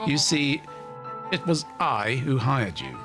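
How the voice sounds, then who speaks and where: A man voicing a smug, scheming villain in a child's body, speaking in a slow, theatrical, menacing manner. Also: mid-range voice, big pitch swings, music in the background. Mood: smug, grandiose. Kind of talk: villain monologue, dramatic reading.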